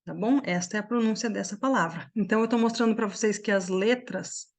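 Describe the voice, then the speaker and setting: A woman from Brazil teaching an online English class, explaining pronunciation slowly and often checking that her students follow. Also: medium pitch.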